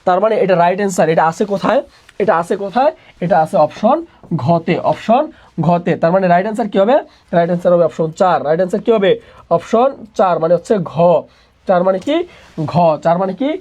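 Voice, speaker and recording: A man's voice: sits high, a little fast, darkish tone. Man drilling students by repeating questions. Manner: repeats each question and answers it himself in a call-and-response drill; mixes English words into his speech. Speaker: admission test tutor. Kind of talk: online exam-prep lesson.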